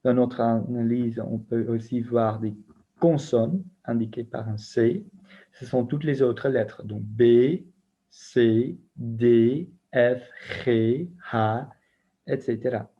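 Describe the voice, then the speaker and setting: A man's voice: medium pitch, fairly even intonation, slow, slightly rough. A man teaching a recorded grammar lesson, patiently spelling out letters and rules one by one. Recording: muffled lo-fi recording.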